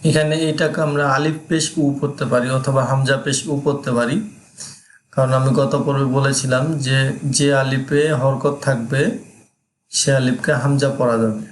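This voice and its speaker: A man teaching Quran reading, spelling out each letter and vowel sound slowly and patiently, with a Bangladeshi Bengali accent. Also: medium pitch. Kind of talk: slow spelled-out recitation lesson. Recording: echoey room with faint ambient noise.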